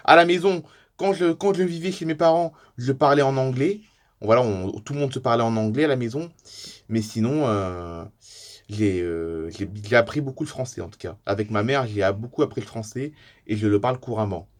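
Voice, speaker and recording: A man voicing a friendly adult camper from Florida, chatting in improvised pretend play with a relaxed, reassuring manner. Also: mid-range voice, brisk, voice pushed down, natural voice. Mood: easygoing.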